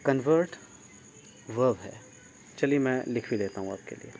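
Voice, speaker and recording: A man's voice: medium pitch, moderate pace. A man teaching an online grammar lesson, who asks his class questions, praises their answers and spells words out letter by letter. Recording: steady insect and cricket noise behind.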